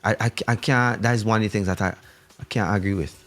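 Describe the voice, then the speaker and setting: A man's voice: fairly low pitch, fairly even intonation, fast talker, fairly bright tone, soft background music. A man from St Vincent with a Vincentian accent, chatting casually and giving his opinions emphatically, repeating phrases to press his point. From St Vincent, Caribbean. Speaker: talk show guest. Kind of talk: casual, animated opinion talk.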